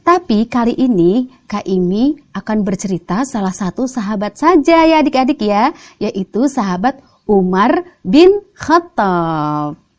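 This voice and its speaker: This time the Indonesian-accented storyteller uses a mid-range, sing-song voice, unhurried and a little mellow. She tells animated stories addressed to children in a playful, coaxing manner, often asking them questions.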